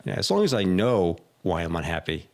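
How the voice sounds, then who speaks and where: A middle-aged man, an executive coach hosting a casual talk, who tells animated stories and acts out his clients' voices. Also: low-pitched, a little fast. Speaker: executive coach, podcast host. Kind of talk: casual conversation.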